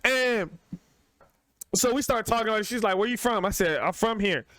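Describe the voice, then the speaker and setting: Young male podcast co-host, high voice, dry close sound, slangy and animated storyteller. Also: normal speed, no room sound. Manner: animated, slangy, voice jumps up when excited. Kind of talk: casual storytelling.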